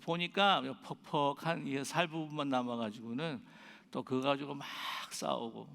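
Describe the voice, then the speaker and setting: A male pastor with a mid-range, creaky, fairly bright voice tells a story at normal speed and in a steady tone during a conversational sermon, using many fillers and sometimes acting out the people he quotes. He is in a large church sanctuary, heard through a livestream with long reverb and faint music.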